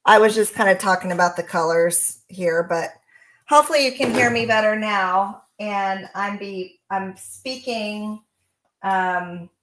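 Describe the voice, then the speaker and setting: A woman, chatting casually while she demonstrates painting live, with lots of fillers. She speaks from an indoor studio, facing away from the camera mic behind her. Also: mid-range voice. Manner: chatty, relaxed, many fillers. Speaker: painting instructor.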